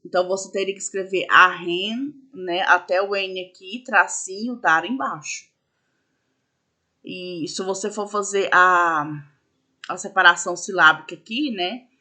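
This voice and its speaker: Bright-voiced woman teacher. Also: lowish voice. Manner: patient, explains step by step with many fillers. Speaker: schoolteacher. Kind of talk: recorded classroom lesson.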